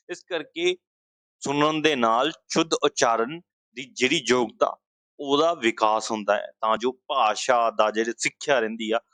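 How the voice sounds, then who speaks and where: A man's voice: mid-range voice, a bit bright, dry recording. A man teaching an exam-prep language lesson, explaining with repeated everyday examples and asking and answering his own questions.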